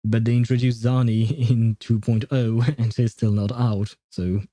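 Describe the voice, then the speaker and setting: A man's voice: mid-range voice, flat delivery, a little slow, mellow, no echo. A man giving casual game commentary as a streamer, in an amused, hesitant, rambling way. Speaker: gaming streamer playing through a story.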